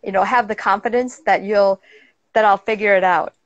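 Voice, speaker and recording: A woman in her forties with a Minnesota accent, a guest chatting casually on a video call from a sailboat, bubbly and quick to laugh. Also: medium pitch, fairly even intonation, no echo. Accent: Minnesota American. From Minnesota, USA. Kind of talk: casual interview chat. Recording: dry, dull video call audio.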